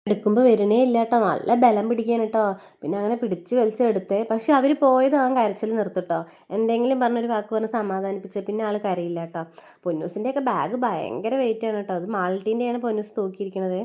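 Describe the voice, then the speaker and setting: A woman in her thirties with a Malayali accent, chatting homely and warmly about her family's school-day morning as a vlog voice-over. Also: medium pitch, fast. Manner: chatty, homely, often ending lines with a tag. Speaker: family vlogger, mother. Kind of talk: casual voice-over narration.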